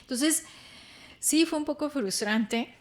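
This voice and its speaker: A middle-aged woman with a Mexican accent, a guest telling lively stories in a casual interview, acting out quotes and laughing often. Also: high voice, slow pace.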